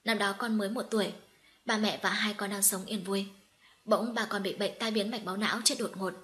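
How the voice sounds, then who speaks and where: A woman's voice: medium pitch, steady tone, fairly quick, fairly bright tone, lightly acted. A woman reading as a grieving middle-aged mother who is tearful and apologetic. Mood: remorseful.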